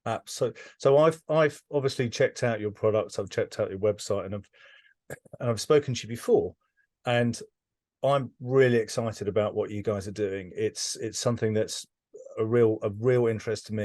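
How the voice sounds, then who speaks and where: A man's voice: lowish voice, a little mellow, no room sound, clean studio sound. A man hosting a business interview, enthusiastic and repeating words as he restarts his questions. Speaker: interviewer, host.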